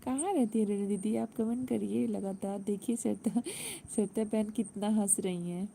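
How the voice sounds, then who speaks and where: A woman's voice: mid-range voice, fairly even intonation, normal speed, vocal fry, dark tone, a little hiss or hum. A woman hosting a casual live stream, chatting and laughing with viewers and greeting them by name.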